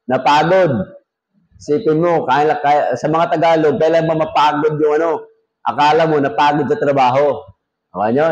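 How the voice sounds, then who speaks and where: Pastor guy teaching sunday school, chatty and joking with the class, slightly high voice, dull recording. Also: a little mellow. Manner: jokey, talks directly to the class. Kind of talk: conversational Bible lesson.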